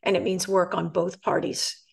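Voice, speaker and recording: A woman's voice: on the low side, flat delivery, moderate pace, vocal fry, breathy edge. A widowed woman, the oldest on the panel, speaking earnestly and reflectively as a guest in a podcast discussion and quoting lyrics with feeling. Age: older.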